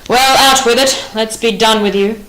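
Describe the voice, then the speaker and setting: A woman's voice: fairly high pitch, fairly even intonation, moderate pace, fairly bright tone, natural voice, rough recording. A woman reading the part of a stern, unbending male king in an audiobook play, grave and declamatory in manner. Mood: impatient.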